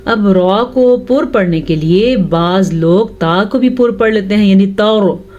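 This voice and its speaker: A woman teacher gives a recitation lesson in a slow, unhurried voice at a mid pitch. She explains each rule patiently and repeats sounds until they come out right. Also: a little mellow, muffled recording. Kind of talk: tajweed lesson.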